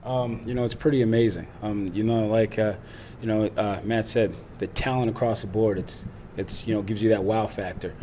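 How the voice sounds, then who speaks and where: A man's voice: on the low side, steady tone, moderate pace, a little mellow, a little hiss or hum. A man, a football player, answering interview questions in a rambling way full of fillers.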